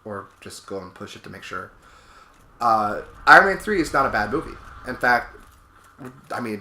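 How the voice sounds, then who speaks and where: A man's voice: medium pitch, pushed and bright. A man chatting casually and emphatically over video game play as co-host, opinionated, often repeating and rephrasing his points. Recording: roomy echo, faint background noise.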